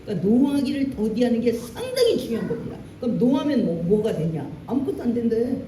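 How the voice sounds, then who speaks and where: A woman pastor preaching a sermon in a church, animated, acting out lines in a raised voice. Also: a little high, fast talker, roomy sound, distant mic, a little hiss or hum. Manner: animated preaching, acts out Moses' angry lines. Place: church sanctuary.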